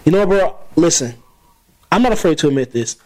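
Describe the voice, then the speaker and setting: A man's voice: fairly high pitch, expressive, brisk, low-quality recording. Brash man ranting in casual chat. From South Carolina. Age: 30s. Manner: loud, profane, opinionated ranting. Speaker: podcast co-host.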